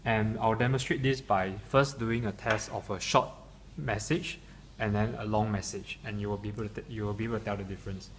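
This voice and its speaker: A man with a somewhat low voice and steady tone talks a little fast through an unscripted software product demo. He hesitates in a stop-and-start manner, and the recording carries obvious room noise.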